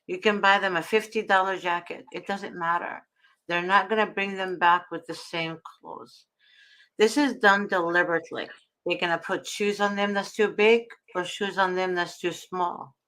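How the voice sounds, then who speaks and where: A woman's voice: medium pitch, steady tone, normal speed, pushed and bright. Woman talking through a sore, swollen mouth. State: swollen, sore mouth after a root canal, in pain, talking with effort. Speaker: legal aide hosting an advice show. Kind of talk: earnest advice talk to viewers.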